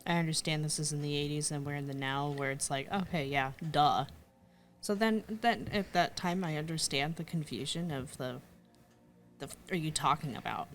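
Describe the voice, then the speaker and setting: A woman's voice: sits low, normal speed, faint music behind. A woman co-hosting a podcast, chatting casually with playful, giggly banter. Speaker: podcast co-host. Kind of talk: casual chat.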